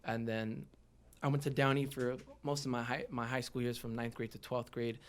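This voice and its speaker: A young adult man from the Los Angeles area speaks with a Southern California American accent at medium pitch, with little pitch movement and a moderate pace. As a podcast guest, he tells his own story in an open, informal, slangy way, like casual personal interview storytelling.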